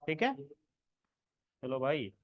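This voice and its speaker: Man, coding tutor, high-pitched, casual, walks you through each step. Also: big pitch swings, slow pace, dull audio. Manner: chatty, checks in often with the viewer. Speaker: programming tutor. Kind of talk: casual screen-recorded coding lesson.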